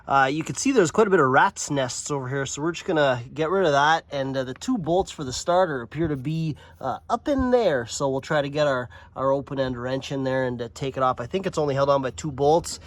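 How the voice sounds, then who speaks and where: Working in his home workshop or yard next to a mower, a man who hosts a workshop channel narrates a laid-back repair vlog, thinking aloud with lots of uhs. He's young adult to middle-aged, has a daughter, and sounds slightly nasal due to a sinus infection. His medium-pitched voice is animated and brisk, with hardly any pauses.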